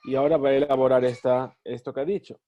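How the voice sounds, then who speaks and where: A man teaching a class, reading phrases of a text slowly and translating each one. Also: medium pitch, steady tone. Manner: reads Hebrew phrases slowly, then translates. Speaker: Talmud teacher. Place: study hall. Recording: dull lo-fi recording.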